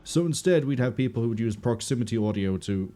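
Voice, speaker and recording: A man giving relaxed, rambling playthrough commentary as a gaming video host. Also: mid-range voice, fast. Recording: faint game music behind.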